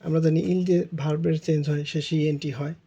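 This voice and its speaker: A man's voice: fairly high pitch, flat delivery, quick pace, warm tone, dull audio. A Bengali-speaking man teaching French grammar, explaining it step by step with patient repetition and spelling words out letter by letter.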